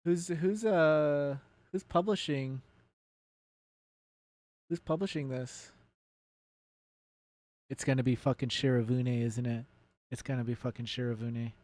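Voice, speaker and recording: Here the game streamer speaks slowly with long pauses, in a mid-range, slightly mellow voice on a dry recording. Hosting a let's play, he's a self-described nerdy enthusiast who thinks out loud through casual, sweary, rambling chat.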